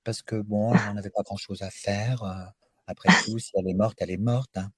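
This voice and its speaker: A man doing a young leading lady who could not care less, murmuring her lines low and flat as if nothing matters. Her voice is hushed and offhand, in a soap-style murder mystery. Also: brisk, husky, dry recording. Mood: bored.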